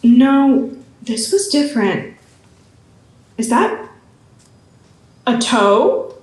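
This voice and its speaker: A woman's voice: fairly high pitch, sing-song, extremely slow, darkish tone. A woman performing a role in a community stage show, friendly and exclaiming. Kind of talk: community stage opera acting. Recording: roomy theater sound.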